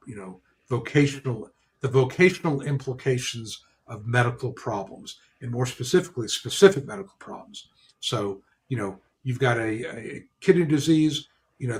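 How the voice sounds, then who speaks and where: Guy lawyer hosting, explaining stuff practically, lots of you-knows, mid pitch. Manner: explains in a practical way, many "you know" fillers. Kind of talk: explanatory casual discussion.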